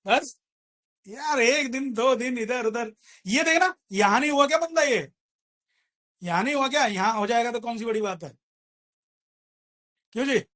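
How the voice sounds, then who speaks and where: Man, trading teacher, live market commentary, teasing banter, loud stock callouts. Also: very high voice, animated, a little slow, long pauses. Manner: teasing, scolding banter, mimics callers; raises voice to call out stocks.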